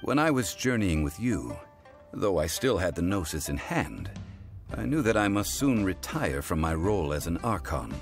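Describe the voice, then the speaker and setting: A deep, stately ancient god. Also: male voice, sing-song, soft background music. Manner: measured, formal, stately speech. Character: ancient god living as a calm, dignified mortal man. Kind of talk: video game voice acting.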